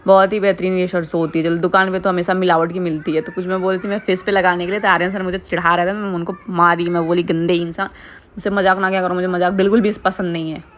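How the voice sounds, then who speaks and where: Young woman vlogger from India, casual voice-over, chatty, laughs often. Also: lowish voice.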